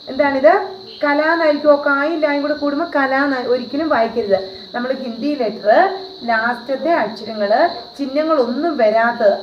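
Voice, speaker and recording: A woman teaching a video lesson in a patient way, repeating points and asking the listeners questions. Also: fairly high pitch. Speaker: Hindi teacher. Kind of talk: classroom-style video lesson. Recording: roomy, dull lo-fi with faint noise.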